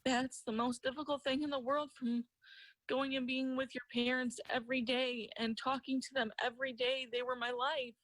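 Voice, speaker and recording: A woman's voice: high-pitched, level tone, moderate pace, fairly bright tone, low-quality recording. A woman recounting personal experience in a news interview, in plain, colloquial speech.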